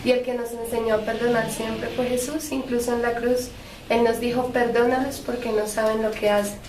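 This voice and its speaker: A woman's voice: a little high, level tone, moderate pace, noisy background. A woman in a church group giving a fluent, reflective talk on forgiveness. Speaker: prayer group member. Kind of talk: religious reflection in group discussion. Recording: echoey room, mic far off.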